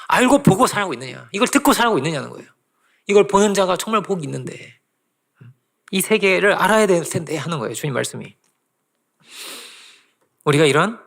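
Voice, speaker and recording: Fast-talking gravelly male pastor. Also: on the high side. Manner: animated storytelling with laughs and acted-out quotes. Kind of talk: sermon. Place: church sanctuary.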